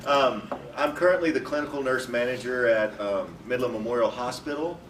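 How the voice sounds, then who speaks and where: A man's voice: mid-range voice, brisk. Easygoing young man, echoey room. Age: young adult. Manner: easygoing, self-deprecating. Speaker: clinical nurse manager, panelist. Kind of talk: panel remarks. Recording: roomy, distant mic, faint noise.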